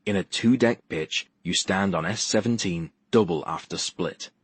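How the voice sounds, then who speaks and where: A man voicing a cool casino enforcer who speaks curtly and flatly, in an audiobook. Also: deep voice, moderate pace, husky, no echo. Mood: deadpan.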